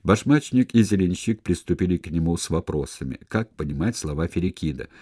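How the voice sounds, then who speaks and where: A man reading a historical novel aloud as an audiobook narrator, with expressive storytelling. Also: deep voice, brisk, breathy edge, no room sound, clean studio sound.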